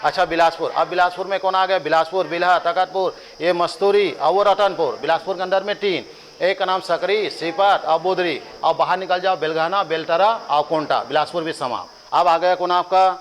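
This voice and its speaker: Chhattisgarhi guy teaching a class, highish voice, repeats lists like a chant, cracks jokes at the students. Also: moderate pace, slight background noise, rough recording. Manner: rhythmic repetition, joking asides to students. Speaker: coaching teacher. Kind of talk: classroom lecture with chanted drills.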